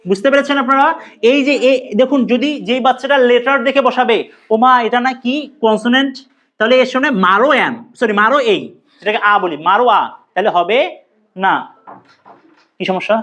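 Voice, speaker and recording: A woman runs a classroom lesson, questioning students in a brisk, coaxing way. Her voice sits a little on the high side. The lesson is recorded in the room with her pupils. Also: a bit bright, muffled recording. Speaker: English teacher.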